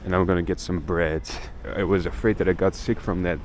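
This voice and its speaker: Talking a little fast in a low, steady, darkish voice, a young travel vlogger from Belgium rambles casually and swears now and then. He's a native Dutch speaker, recording outdoors on a city street with faint street noise.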